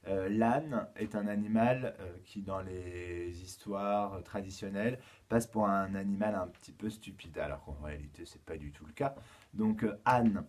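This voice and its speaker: A man teaching a remote lesson to young children, counting aloud slowly and patiently, with frequent fillers as he explains. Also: deep voice, darkish tone. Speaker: kindergarten teacher.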